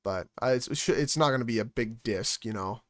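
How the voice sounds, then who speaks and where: A man's voice: medium pitch, brisk, no echo. A man chatting casually on his stream at home into a music microphone, rambling and trailing off mid-thought. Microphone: studio music microphone.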